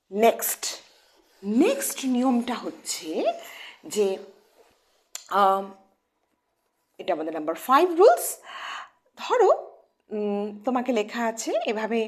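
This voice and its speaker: A woman teaching English pronunciation in Bengali, her first language. Her voice is high and swings widely in pitch. She keeps asking her students questions and then answers them herself. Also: huge pitch swings, takes it slowly, long pauses. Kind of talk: online lesson, explaining to students.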